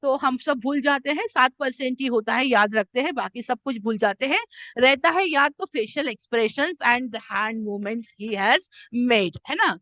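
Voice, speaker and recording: An Indian woman soft skills trainer giving a classroom lecture, mixing Hindi and English and often checking in with "है ना?". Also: high-pitched, a little slow, no room sound, dull audio. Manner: addresses listeners as "my children".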